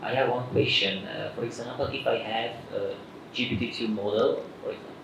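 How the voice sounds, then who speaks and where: Young male audience member, hesitant with fillers, gravelly, far off mic in an echoey hall, dull sound, clear background noise. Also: medium pitch, steady tone, fairly quick. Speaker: audience member asking a question. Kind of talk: Q&A question. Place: conference hall. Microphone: handheld mic.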